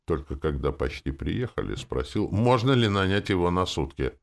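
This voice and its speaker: A man narrating a first-person fantasy audiobook in a wry, expressive way. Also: low voice, normal speed, gravelly.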